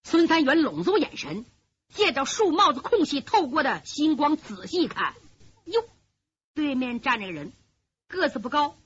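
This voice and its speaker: A woman's voice: sits high, fairly bright tone. A woman telling a traditional martial arts story in a vivid, dramatic way. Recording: dull lo-fi recording.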